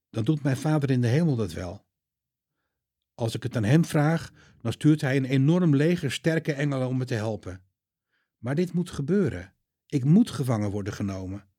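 A man voicing Jesus as a calm, gentle but firm adult man in a storybook reading. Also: mid-range voice, husky. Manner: measured, gentle, sometimes stern.

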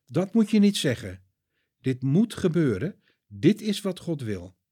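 A man voicing Jesus as a calm, gentle and firm grown man in a children's Bible story reading. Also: mid-range voice, normal speed, husky.

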